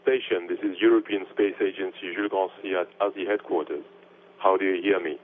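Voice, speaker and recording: A man's voice: deep voice, steady tone, fairly quick. A man who is a space agency official, giving a formal, ceremonial address over a space radio link. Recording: tinny radio line with faint hum.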